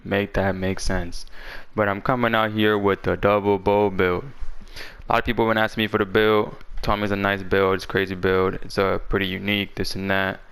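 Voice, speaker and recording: A man's voice: on the low side, little pitch movement, normal speed, creaky, a bit bright, smooth. A man talking casually and in slang as he presents a game build guide, his voice a little parched from being sick. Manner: informal, slangy talk.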